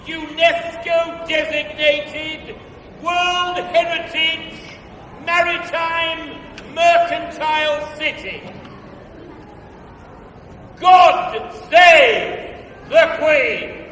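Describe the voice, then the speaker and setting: A man delivers a ceremonial town crier's cry in a very high, forceful voice. He declaims grandly, one phrase at a time and extremely slowly. The recording is echoey, distant and noisy. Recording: echoey, noisy hall, far from mic.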